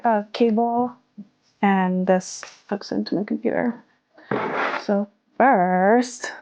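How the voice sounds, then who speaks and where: A woman's voice: mid-range voice, dark tone, muffled recording. A woman who is an artist and small business owner, talking casually through her studio work in a chatty, self-deprecating way with frequent laughs. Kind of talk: casual studio vlog narration. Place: home art studio.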